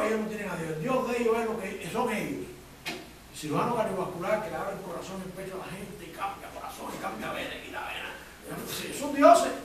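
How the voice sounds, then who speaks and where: Male pastor, high voice, animated sermon storytelling, distant mic in a very echoey church with faint noise. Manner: animated storytelling preacher, jumps loud and high for emphasis. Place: church sanctuary.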